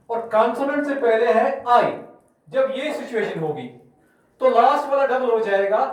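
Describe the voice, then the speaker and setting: A male teacher from Kashmir explaining grammar to his class slowly, repeating examples and spelling words out letter by letter. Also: high-pitched. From Kashmir, India. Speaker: school English teacher. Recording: echoey room, mic far off.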